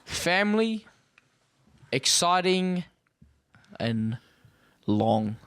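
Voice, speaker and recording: A man's voice: high voice, sing-song, very slow, a bit bright, smooth, no room sound. Man with a broad Kiwi accent, dry recording. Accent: broad Christchurch New Zealand. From Christchurch, New Zealand. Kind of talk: casual chat.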